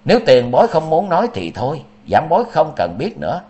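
A man's voice: on the high side, wildly swooping pitch, fairly quick, darkish tone, dull audio, voice pushed up. A man reading a story aloud, voicing a proud, angry young swordsman who speaks coldly and defiantly. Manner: cold and defiant. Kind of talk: storybook narration.

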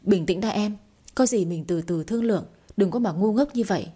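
A woman's voice: medium pitch, fairly quick, warm tone, husky, natural voice. A woman voicing a firm but patient young man in a read-aloud romance story. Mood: coaxing.

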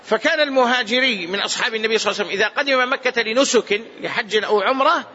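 A man's voice: very high-pitched, rapid-fire, bright, forceful tone, a little hiss or hum. Sheikh guy teaching hadith in a big mosque, repeats stuff for emphasis, kinda muffled recording. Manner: repeats key phrases for emphasis. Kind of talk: mosque lesson explaining hadith. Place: large mosque.

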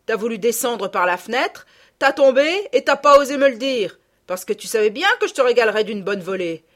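In a medium-pitched voice at normal speed, close to her everyday sound, a woman plays an audiobook's middle-aged peasant gardener who scolds and gossips in blunt country speech. This time the character comes across as indignant.

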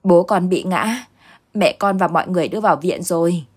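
A woman voicing a kind middle-aged neighbor who gently reassures a child. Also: lowish voice, fairly quick, slightly rough. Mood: reassuring.

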